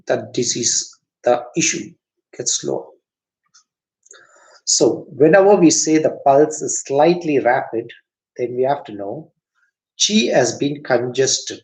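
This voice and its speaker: Gravelly man lecturing with a Tamil accent. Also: medium pitch, low-quality recording. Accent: Tamil-accented English. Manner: repetitive, restarts phrases, explains step by step. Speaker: acupuncture teacher. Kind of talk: classroom lecture.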